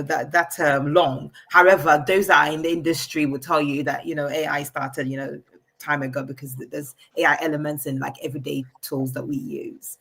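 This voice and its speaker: A woman coaching entrepreneurs on AI over a video call, talking in a halting way with many fillers and restarts. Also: sits low, pushed and bright.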